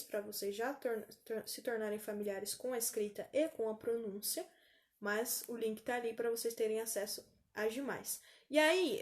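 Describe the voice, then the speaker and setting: A woman's voice: a little high, darkish tone. Brazilian woman teaching English vocabulary. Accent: Brazilian Portuguese. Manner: repeats each word slowly for pronunciation drills. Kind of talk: online class lesson.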